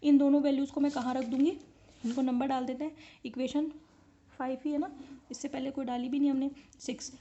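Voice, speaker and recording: The audio is dull as a woman delivers an online physics lecture in a high-pitched voice with a dark tone. She explains methodically, step by step, and keeps asking the class if they follow.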